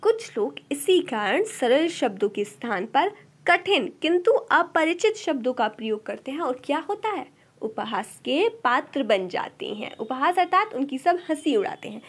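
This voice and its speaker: A woman's voice: high-pitched, very animated, normal speed. A woman teaching an exam-prep lecture, asking rhetorical questions and answering them herself. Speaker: Sanskrit teacher.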